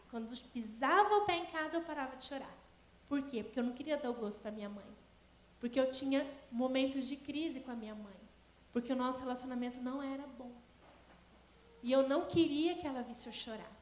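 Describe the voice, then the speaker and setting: A woman's voice: sits high, reverberant. A Brazilian woman giving a sermon in a church and telling a personal testimony to the congregation. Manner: storytelling testimony, addresses the congregation. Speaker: preacher.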